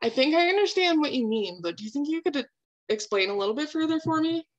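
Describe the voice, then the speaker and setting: A woman speaking as a calm therapist in a counseling role-play, validating and asking reflective questions. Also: high voice, fast talker, lo-fi sound.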